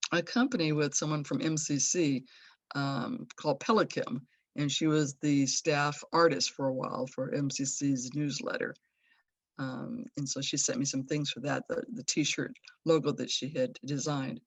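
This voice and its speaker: On a dry video call with no echo, a woman in her sixties from Los Angeles lovingly recalls an old friend in a rambling memorial tribute, laughing fondly as she goes. She has a deep voice, speaks a little slowly, and keeps her intonation fairly even.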